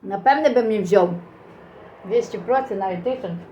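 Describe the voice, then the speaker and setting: Slurred from missing teeth, her speech carries a Ukrainian accent as this middle-aged or older woman chats and rambles folksily in an eating vlog. The warm, mid-range voice moves at normal speed, though the audio is dull with a little hiss or hum.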